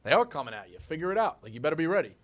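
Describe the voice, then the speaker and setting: A man in his thirties hosting a sports talk show, animated and telling stories with acted-out quotes. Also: fairly high pitch, racing. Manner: animated, storytelling, acts out quotes. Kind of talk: casual sports radio chat.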